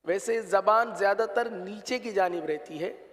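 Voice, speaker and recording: A man teaching the pronunciation of letters for Quran recitation, slow and patient, drawing out each sound to demonstrate it. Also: sits high, a bit bright, big-room sound.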